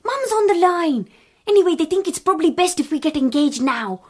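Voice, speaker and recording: High-pitched, pushy young British woman. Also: expressive, fairly quick, darkish tone. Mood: cheeky, insistent. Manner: cheeky, bossy. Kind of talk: radio comedy-drama acting.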